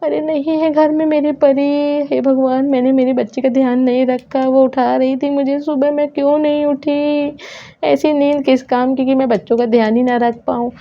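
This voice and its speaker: A woman's voice: sits high, flat delivery, normal speed. A woman voicing a worried young mother who pleads and sobs while searching for her missing daughter, in a doll story. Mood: distraught. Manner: pleading, tearful. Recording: dull lo-fi sound.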